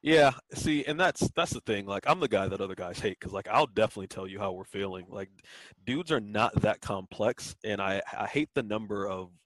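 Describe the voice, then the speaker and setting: Low-voiced man chatting candidly, dry sound. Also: expressive, brisk, dry recording, low-quality recording. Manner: candid, rambling, many fillers. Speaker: podcast co-host. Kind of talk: casual chat.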